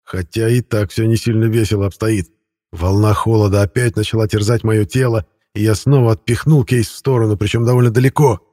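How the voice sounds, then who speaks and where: Low, husky male audiobook narrator. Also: steady tone, fairly quick, dark tone, dry recording, studio quality. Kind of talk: scripted first-person narration.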